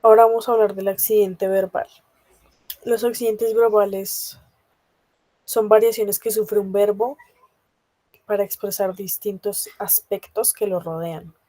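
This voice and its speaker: A woman's voice: mid-range voice, steady tone, unhurried, pauses often, warm tone, dry recording. A woman teaching a grammar lesson to a class, talking patiently with many hesitation fillers and often checking that students understand. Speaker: language teacher.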